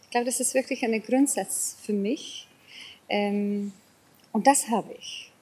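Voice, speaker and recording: A woman's voice: fairly high pitch, slow, a little mellow, breathy edge. A middle-aged or older South African woman speaking German with an English accent and Bavarian touches, searching for words in a casual interview. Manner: hesitant, searching for words, repeats phrases. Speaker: interview guest.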